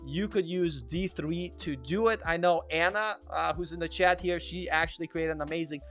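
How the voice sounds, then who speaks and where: A Russian man with a slight accent hosts a casual live Q&A, chatting with viewers as a developer-streamer, reading out chat comments and repeating himself. His voice is a little high and fairly bright, at normal speed, with faint music behind.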